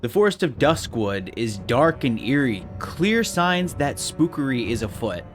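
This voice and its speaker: At a measured pace, a man whose mid-range voice has big pitch swings narrates a game video. The script is dry and sarcastic with a mock-suspicious edge, set over faint background music.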